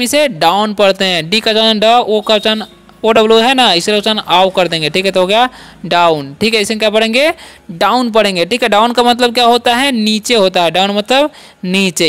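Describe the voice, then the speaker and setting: A man's voice: high voice, a bit bright, smooth. A man teaching English pronunciation as a channel host, asking questions of his students and answering them himself. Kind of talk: classroom-style language lesson.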